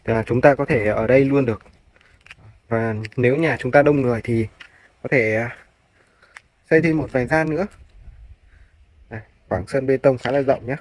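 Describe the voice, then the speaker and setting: Walking outdoors through farmland, a male real estate agent narrates a tour and politely addresses viewers while filming on a handheld phone. He has a mid-range voice, talks at normal speed, and leaves long pauses. The outdoor phone video has clearly audible background noise.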